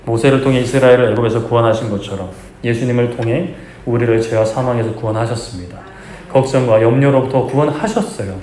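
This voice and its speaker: In a church sanctuary, a male pastor preaches an earnest, exhorting sermon with conversational asides to the congregation. His medium-pitched, mellow voice moves at a quick pace, and the echoey hall carries a faint background hum.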